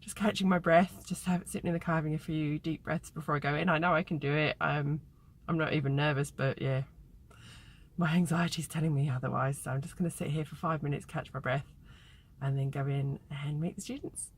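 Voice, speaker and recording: A woman's voice: low-pitched, steady tone, brisk, husky. A woman in her thirties, a fashion designer, speaking openly and reflectively to the camera in a personal vlog. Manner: open, reflective talk to camera.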